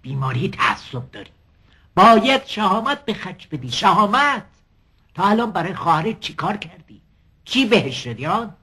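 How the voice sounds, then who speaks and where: An actor playing a pushy male psychiatrist who keeps pressing his patient with insistent, coaxing questions, in a raspy voice. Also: high voice, big pitch swings, pushed and bright, heavily acted. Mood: probing.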